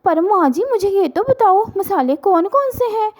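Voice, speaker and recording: A woman's voice: very high voice, animated, moderate pace, darkish tone, voice pushed up. A woman doing a chirpy, scheming young bird. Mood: eager. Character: eager young female bird, chirpy and cunning.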